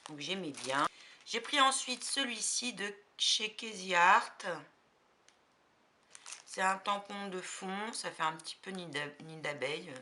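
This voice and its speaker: A woman with a slight cold chatting casually about crafting supplies, unhurried and hesitant, with many fillers. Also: mid-range voice, animated, pushed and bright, a little hiss or hum. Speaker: crafting vlogger. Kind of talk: casual haul chat.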